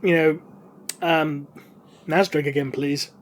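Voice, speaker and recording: A man in casual podcast talk strings his explanations together in long run-on sentences and swears casually for emphasis. His voice sits a little higher than most men's. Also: fairly even intonation, slow. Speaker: podcast panelist. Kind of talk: casual chat.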